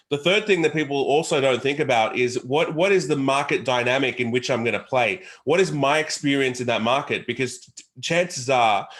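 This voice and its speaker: Speaking with an Australian accent, this guest entrepreneur responds to interview questions with earnest, motivational emphasis and phrases he says more than once. His voice sits in the mid-range and has a fairly bright tone.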